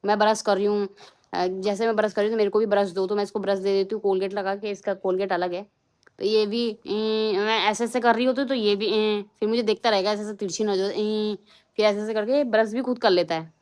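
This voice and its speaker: A woman's voice: medium pitch, fairly even intonation, a little fast, darkish tone. A young woman from Uttarakhand, India, chatting casually in a home vlog and now and then scolding her small son. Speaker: vlogger. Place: home, indoors.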